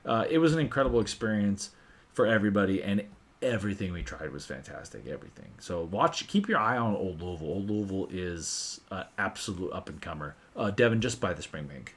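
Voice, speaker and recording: A man hosting a casual whiskey livestream, animated and swearing freely as he tells stories. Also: sits low, a little fast.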